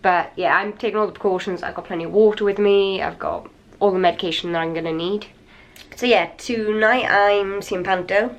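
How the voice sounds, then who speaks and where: A woman chatting casually to her camera in a hotel room, slightly raspy and a little wheezy from a cold, rambling and tired. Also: medium pitch, fairly quick. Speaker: vlogger. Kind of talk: casual vlog chat to camera. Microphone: handheld camera.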